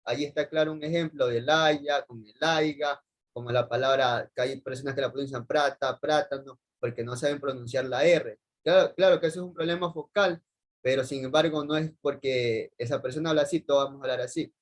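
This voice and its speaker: A man's voice: mid-range voice, a little fast. A young man with an Ecuadorian accent giving a rambling class presentation, full of hesitations and repeated phrases. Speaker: university student presenting. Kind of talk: class presentation over video call.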